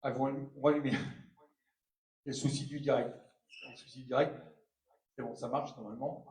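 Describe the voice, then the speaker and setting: A man's voice: medium pitch, steady tone, moderate pace, a little mellow. A man hosting a live evening event in a large hall, talking with many hesitations. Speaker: host of the draw evening. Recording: echoey hall from far off.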